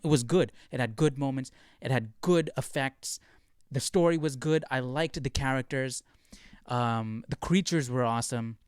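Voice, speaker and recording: A man giving a casual, conversational film review, thinking out loud as he talks. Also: mid-range voice, smooth, no echo, clean studio sound.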